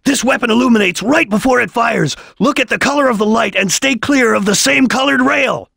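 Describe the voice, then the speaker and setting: A man voicing a serious, vigilant ninja chameleon in a video game, with a husky, gravelly voice and a terse, solemn delivery. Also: very high voice, sharp tone, dry recording, clean studio sound, heavily acted. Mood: urgent, alert. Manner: terse, solemn, deliberate, formal. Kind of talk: English video game voice acting.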